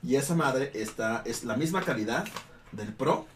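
Young Mexican guy host, lively voice, laid-back storyteller, a bit far from the mic with faint noise. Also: mid-range voice, moderate pace. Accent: Mexican Spanish. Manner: laid-back storytelling, slangy, laughs often. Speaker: podcast host. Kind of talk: casual chat. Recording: slightly distant mic with faint background noise.

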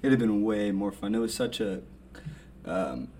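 A man's voice: fairly low pitch, animated, moderate pace, darkish tone. Young male podcast co-host, casual sports chat, teasing and slangy, light background hiss. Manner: joking, teasing banter with slangy asides.

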